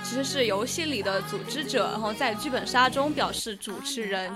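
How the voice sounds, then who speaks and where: A woman co-hosting a casual podcast chat, speaking Mandarin with a slight Sichuan accent, lively and eager. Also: on the high side, a little fast. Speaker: podcast co-host. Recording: music playing behind.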